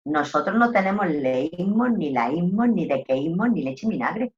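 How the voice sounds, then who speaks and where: Animated Andalusian woman teaching. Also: fairly low pitch, a little slow, muffled recording. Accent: Andalusian Spanish. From Andalusia, Spain. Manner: talkative, animated teacher, repeats herself. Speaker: customer service trainer. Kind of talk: online lecture.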